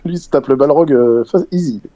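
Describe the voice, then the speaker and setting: Man, casual banter, mellow tone, joking, relaxed. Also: mid-range voice, fairly quick. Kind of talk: casual chat.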